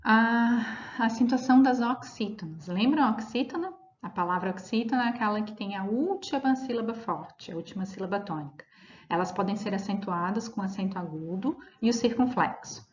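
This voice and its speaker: A woman teacher explaining grammar rules in a recorded lesson, reading example words slowly and checking in with her students as she goes. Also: mid-range voice, animated, slight background noise. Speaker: Portuguese teacher. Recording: roomy, dull lo-fi audio.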